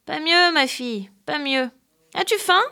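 A woman's voice: high-pitched, unhurried, vocal fry, sharp tone, voice pushed up, full character voice. A woman voicing an ugly, wicked man who pretends to be a sick grandmother, speaking in a plaintive, wheedling way. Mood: plaintive, coaxing.

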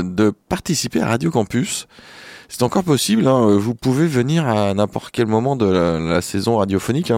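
A man's voice: mid-range voice, gravelly, darkish tone, no echo, studio quality. A man hosting a radio show, chatting casually and hesitantly with many fillers and restarts. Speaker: radio host.

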